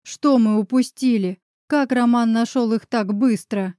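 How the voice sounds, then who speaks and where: A woman's voice: on the high side, dark tone, dry recording, clean studio sound, close to an everyday voice. A woman reading as a shaken young father. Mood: overwhelmed. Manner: slow, emotional, halting.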